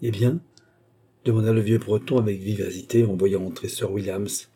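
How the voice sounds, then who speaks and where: A male audiobook narrator reading a classic novel in a steady, measured way. His voice is low and husky, with a dark, mellow color.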